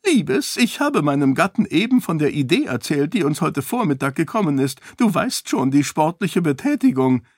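A man's voice: fairly high pitch, very animated, moderate pace, few pauses, husky, no room sound, studio quality, voice pushed up. A man voicing a fussy, doting queen who calls sweetly across the room in a gushing, sing-song way. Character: fussy high-voiced older queen, doting.

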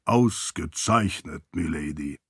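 A slow, deep and bone-dry old manservant, as a male narrator puts him on. Every word lands deadpan and unhurried, with a close, dry sound. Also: husky, no room sound, exaggerated voice.

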